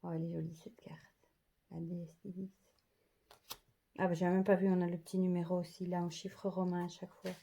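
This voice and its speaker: A woman's voice: on the low side, level tone, fairly quick, gravelly, long pauses, warm tone. A woman showing off an oracle card deck in a casual vlog, murmuring each card's name in an admiring voice that often drops to a half-whisper.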